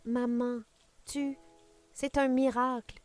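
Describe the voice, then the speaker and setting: A woman's voice: mid-range voice, unhurried, a little mellow, soft background music, natural voice. A smarmy, hypocritical son, read by a woman storyteller speaks in a fawning, oily way. It stays close to the narrator's own plain reading voice in an audio story.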